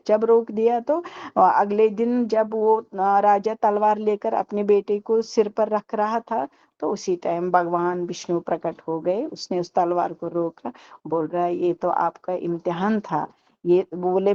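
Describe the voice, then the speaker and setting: Woman, casual halting storyteller, muffled lo-fi audio. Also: mid-range voice, warm tone. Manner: halting, many restarts and fillers, acts out dialogue. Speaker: devotee telling a scripture story. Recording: dull lo-fi audio.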